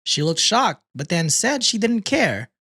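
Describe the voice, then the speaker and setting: A laid-back man reads posts aloud on a casual podcast, his pitch rising and falling a lot as he goes. He talks in loose slang and often laughs between lines. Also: big pitch swings, unhurried, bright, forceful tone, slightly rough. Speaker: podcast host reading stories.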